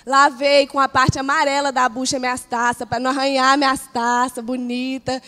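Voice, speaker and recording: High-voiced woman telling a lively sermon story. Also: moderate pace. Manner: lively, laughing, dramatic storytelling. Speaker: youth service preacher. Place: church hall, live service. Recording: live sermon with background music.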